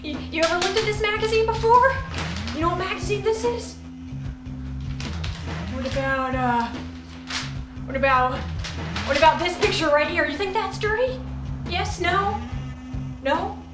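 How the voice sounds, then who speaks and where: A woman's voice: extremely high pitch, lively intonation, a little slow, pauses often. A woman playing an unsettling, intimate captor who rambles and teases, calling the listener baby. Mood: probing taunt. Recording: echoey room with loud music.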